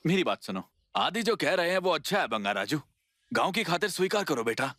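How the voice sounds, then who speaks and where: Brief: a steady peacemaking elder, lively intonation, dry close sound. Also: male voice, on the high side, brisk, no echo. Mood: persuasive. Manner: calm, persuasive. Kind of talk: Hindi film dub.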